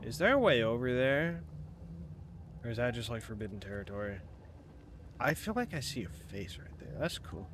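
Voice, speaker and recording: A man's voice: medium pitch, big pitch swings, normal speed, pauses often, fairly bright tone. A young man streaming a game in a put-on British accent, hyper and swearing as he plays. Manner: hyper, swearing, self-mocking. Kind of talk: gaming livestream commentary. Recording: clear background noise.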